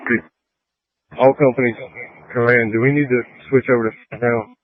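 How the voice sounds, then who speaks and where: A man's voice: medium pitch, steady tone, normal speed, a little hiss or hum. A man acting as a fire incident commander over a police and fire radio channel, giving terse orders and acknowledgements. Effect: heard over a police and fire radio channel. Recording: narrowband radio transmission.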